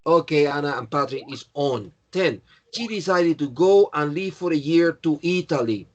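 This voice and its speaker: A man's voice: a little high, lively intonation, normal speed, highs cut off. A man teaching an English class, going through answers and correcting students by name in a patient way. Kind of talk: online class, checking answers.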